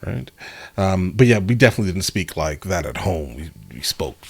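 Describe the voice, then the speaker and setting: A low-voiced man reacts off the cuff. His voice is husky and his pitch moves around a lot. He talks casually and with slang, checking in with the listener as he goes. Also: expressive, brisk, darkish tone. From New York, United States. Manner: informal, slangy, checks in with "right?". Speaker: reaction video host.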